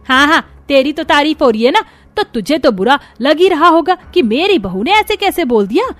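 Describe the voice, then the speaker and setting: A bossy older mother-in-law from a cartoon story gives curt orders, played by a woman. She is gruff and commanding, yet she dotes on her favorite daughter-in-law. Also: a little high, animated, normal speed, natural voice. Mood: defiant.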